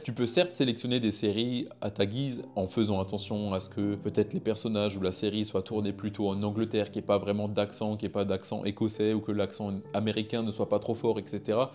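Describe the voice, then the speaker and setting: Relaxed, mellow-voiced French YouTuber man. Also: lowish voice. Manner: informal, addresses the viewer as "tu", conversational fillers, emphatic bursts. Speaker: YouTuber rating ways to learn English. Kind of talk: casual explainer talking to camera.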